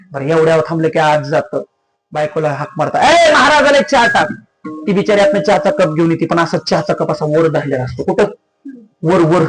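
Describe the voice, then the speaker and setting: A man preaching a devotional kirtan sermon, telling stories and repeatedly questioning the crowd with rising, emphatic cries. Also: low-quality recording. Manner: repetitive call-and-response questioning of the audience, rising to high emphatic cries. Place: live village festival gathering.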